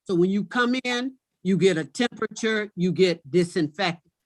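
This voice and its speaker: A woman with a mid-pitched voice explains things informally at a meeting. She is emphatic and repeats herself, and the recording is dry, with little echo. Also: moderate pace. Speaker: village manager.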